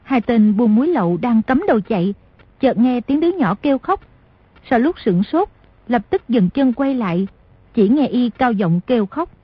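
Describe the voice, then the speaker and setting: A woman narrating an audiobook in a steady storytelling manner. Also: a little high, normal speed, slightly rough, dry recording. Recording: dull lo-fi dry recording.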